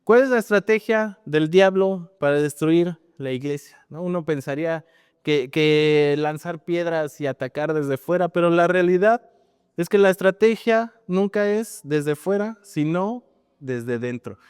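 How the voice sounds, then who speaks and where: High, smooth-voiced Mexican pastor preaching. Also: male voice, measured pace, a little mellow, no room sound, clean studio sound, in a large hall. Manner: conversational preaching with frequent tag questions. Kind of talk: sermon.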